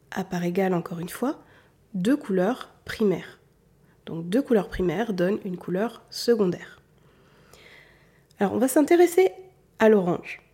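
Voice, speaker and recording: A woman's voice: mid-range voice, dark tone, husky. A woman from southern France giving an informal lesson on colors, talking straight to the listener in a chatty way. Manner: chatty, addresses the listener directly. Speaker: color analysis teacher.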